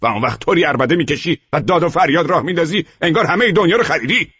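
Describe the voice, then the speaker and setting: A man's voice: fairly high pitch, lively intonation, pushed and bright, slightly rough, exaggerated voice. An actor playing a stern, scornful male army sergeant who barks orders and scolds, in an audiobook drama, on a dull lo-fi recording. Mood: scolding.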